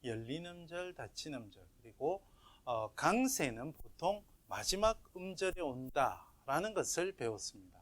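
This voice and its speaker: A man's voice: fairly high pitch, big pitch swings, normal speed. A middle-aged man teaching a grammar lecture online, patient and checking in with his listeners as he explains. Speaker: professor teaching Biblical Hebrew.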